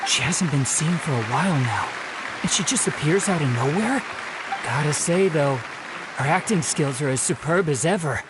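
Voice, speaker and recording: A man's voice: fairly high pitch, animated, moderate pace, a loud crowd, very noisy, close to an everyday voice. A man voicing a gossiping spectator in a video game theater scene. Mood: chatty.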